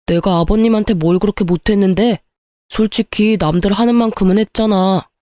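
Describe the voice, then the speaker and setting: A woman's voice: mid-range voice, fairly quick, mellow, lightly acted. A woman voicing a greedy, indignant ex-husband in a story reading, speaking in an accusing, self-justifying way.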